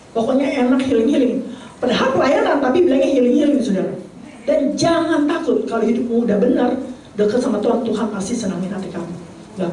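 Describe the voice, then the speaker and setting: Woman, middle-aged, from Indonesia, sermon, slightly high voice, faint background noise. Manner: lively, addresses congregation often. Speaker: preacher. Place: church hall. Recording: echoey room, distant mic, faint noise.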